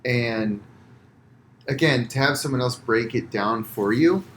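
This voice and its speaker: A man speaking as a podcast guest, explaining in a calm, measured way with some fillers. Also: medium pitch, slight background noise. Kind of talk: casual conversation.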